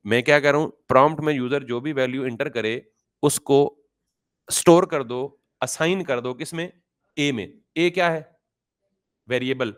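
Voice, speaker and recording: A man teaching a beginner coding class. He explains with everyday examples, mixes in English terms, and keeps asking his students questions and answering them himself. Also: on the high side. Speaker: programming teacher. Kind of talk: classroom-style coding lesson.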